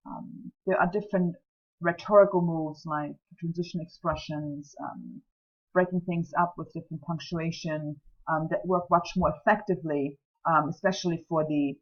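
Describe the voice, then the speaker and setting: Her deep voice moves at normal speed with fairly even intonation, and the recording sounds muffled. She's a writing instructor whose first language is German, chatting through a scientific-writing lecture full of ums and jokes at her own expense.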